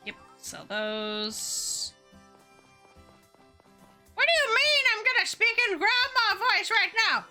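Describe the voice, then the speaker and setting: A young woman streaming a game in casual chat, her voice worn and hoarse, reading chat aloud and swearing now and then. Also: very high-pitched, huge pitch swings, slow, pauses often, sharp tone, faint music behind.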